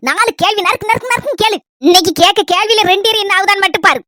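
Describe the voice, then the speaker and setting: A bossy, meddling village woman eggs on her friend in rapid, pushy gossip with a Kanyakumari Tamil accent, as a woman puts her on. The voice is very high and sharp, with a quick pace. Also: dry recording, clean studio sound. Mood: egging on.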